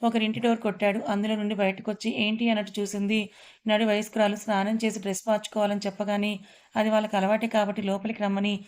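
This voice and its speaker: A woman narrating a romance story in a steady, even reading voice. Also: medium pitch, fast talker.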